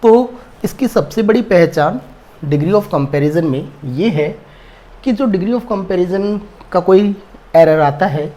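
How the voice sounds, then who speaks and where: Male English teacher, very slow dictation, lively pitch, mellow tone. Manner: slow, drawn-out dictation of word forms. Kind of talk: classroom grammar lesson.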